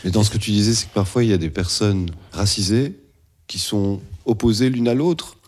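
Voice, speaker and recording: A man's voice: lowish voice, brisk, a little mellow, husky. A man interviewing a young guest, probing and rephrasing his answers back to him. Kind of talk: interview questions.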